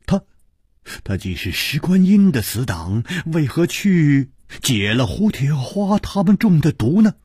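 A man voicing an agitated young male heir who stammers in shrill, disbelieving outbursts. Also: big pitch swings, measured pace, a little mellow, breathy edge, no echo, clean studio sound, heavily acted.

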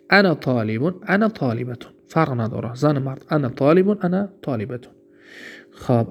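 Man, Tajik accent, grammar teacher, recorded lesson, reads examples and translates them, answers his own questions. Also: medium pitch. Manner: explains slowly, asks himself questions and answers them; reads Arabic examples, then translates each one.

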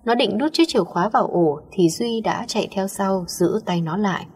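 A woman narrating an audio story in a steady, dramatic storytelling manner. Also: mid-range voice, moderate pace, breathy edge.

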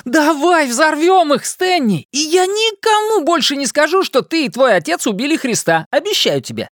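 A reader doing a loud show-off joker boy. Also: medium pitch, very animated, takes it slowly, no room sound, clean studio sound, voice pushed up. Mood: gleeful. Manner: mock newsreel announcer and swaggering tough-guy voices.

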